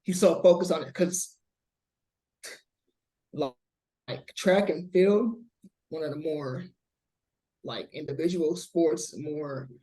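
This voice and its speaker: A man co-hosting a casual sports podcast, hesitant and measured with many fillers. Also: a little high, mellow. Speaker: podcast co-host.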